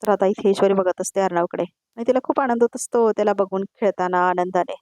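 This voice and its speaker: A woman narrating a voice-over review of a TV serial episode, retelling scenes quickly and often addressing the viewers. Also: medium pitch, steady tone, a little mellow, no room sound.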